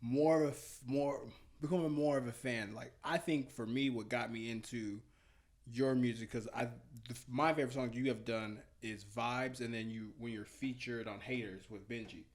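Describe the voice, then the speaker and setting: A male podcast host in a casual chat, speaking in halting, rambling phrases with many fillers. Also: mid-range voice, steady tone.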